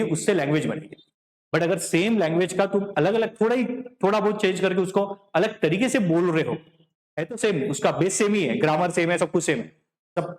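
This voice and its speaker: Lecturer, male, high voice, classroom lecture full of "correct?" check-ins, echoey room. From Vidarbha, Maharashtra. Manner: checks in with the class often, asking "correct?" and "clear?". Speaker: teacher. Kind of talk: classroom lecture in Hindi mixed with English.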